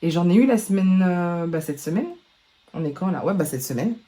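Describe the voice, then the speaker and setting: A woman beauty vlogger, hoarse from a sore throat, chatting casually to camera at home with lots of hesitations. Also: on the low side, lively intonation, fairly quick, mellow. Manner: chatty, rambling, many hesitations. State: hoarse from laryngitis. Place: at home indoors.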